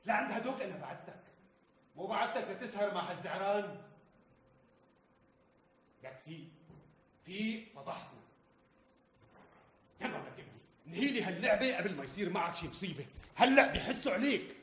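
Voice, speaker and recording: A man's voice: sits high, sing-song, brisk, pauses often, a bit bright. Give me an actor playing a bitter, declaiming Syrian father, recorded on an echoey stage with faint hiss. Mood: scolding. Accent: Syrian Arabic. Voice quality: theatrical, declaiming. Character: exasperated older father scolding a wayward son. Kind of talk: stage play acting.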